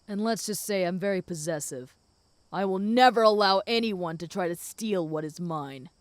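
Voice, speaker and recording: Flirty, smooth-voiced female werewolf, acted by a woman. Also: fairly low pitch, normal speed, dry recording, natural voice. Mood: flirty, possessive. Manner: flirty, teasing, with soft chuckles. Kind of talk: intimate audio role-play to the listener.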